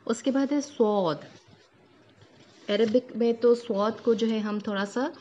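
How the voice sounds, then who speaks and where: A woman's voice: a little high, mellow, dull audio. A woman teaching Quran recitation rules, patiently explaining each letter and drawing out the sounds to demonstrate. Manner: patient, explains step by step, checks in often. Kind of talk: Tajweed lesson.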